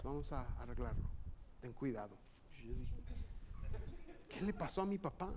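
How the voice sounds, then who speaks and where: A man with a Mexican accent preaching a sermon in a church auditorium, telling personal stories in an earnest, conversational way. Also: high voice. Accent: Mexican Spanish. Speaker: pastor.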